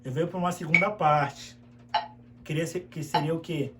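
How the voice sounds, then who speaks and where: A man's voice: a little high, fairly even intonation, moderate pace, very noisy. A man teaching a cajón lesson, explaining patiently step by step with restarts and fillers. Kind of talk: instructional lesson while playing. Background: cajón drumming.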